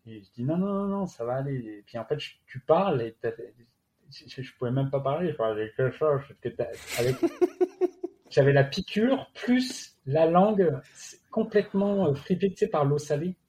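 A man with a French accent, a guest athlete telling his story casually in an interview, halting with many fillers and restarts. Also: a little high, sing-song, a little mellow, slight background noise.

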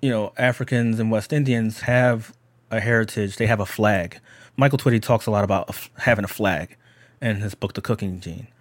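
Man from Philadelphia, lowish voice, dry sound, reflective interview talk, halting. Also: no echo. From Philadelphia, United States. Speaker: interview guest, chef and poet.

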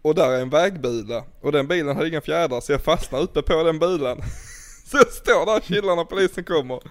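A young man in casual chat, laid-back and swearing, telling stories with laughs. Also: on the high side. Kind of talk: casual storytelling.

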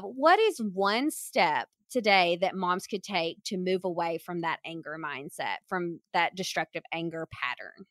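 Bright-voiced chatty mom host. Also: female voice, medium pitch, no echo, studio quality. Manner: chatty, animated, laughs often. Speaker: podcast host. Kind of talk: casual chat.

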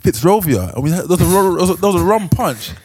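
A man with a London accent co-hosting a podcast in relaxed, slangy conversation. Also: sits high, quick pace, breathy edge. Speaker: podcast co-host. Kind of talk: casual chat.

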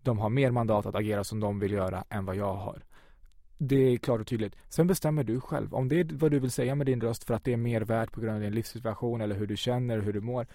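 An earnest man in a casual debate who argues with rising intensity. His voice is dark and mellow. The recording is dry and close on the mic. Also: lowish voice, fairly even intonation, no room sound. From grew up in Sweden.

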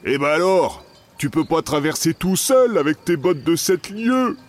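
A man voicing a huge, good-natured male river giant who speaks slowly in a high, exclaiming voice. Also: expressive, faint music behind. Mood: cheerful, bewildered. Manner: high, slow, exclaiming, homely speech.

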